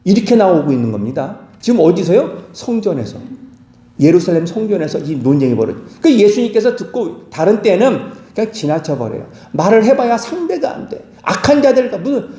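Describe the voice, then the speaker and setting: A man from Korea preaches with a high, sweeping voice that leaps between registers as he acts out the scripture's voices. His tone is soft and mellow rather than sharp. The sermon rings through a reverberant church hall. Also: very animated, fairly quick. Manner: dramatic, acts out quoted dialogue with wide swings in pitch. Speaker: pastor. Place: church sanctuary.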